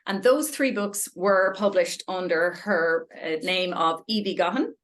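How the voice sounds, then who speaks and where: A woman's voice: fairly low pitch, a little slow. A woman hosting an author interview, giving prepared introductions and questions in a polite, chatty, effusive way. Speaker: interviewer, library event host.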